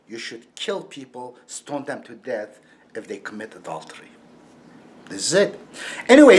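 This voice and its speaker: A YouTube commentator delivers a casual monologue to camera in broken English with a heavy Turkish accent. His voice is a little high for a man, and he speaks slowly and deliberately in a mocking tone, laughing scornfully between points.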